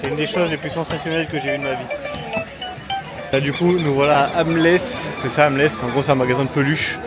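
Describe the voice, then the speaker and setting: A young man hosts a casual travel vlog, joking upbeat into a handheld camera as he walks through a hotel room, busy streets and shops. His voice is a little high, steady in tone and fast. Loud music and crowd noise fill the background.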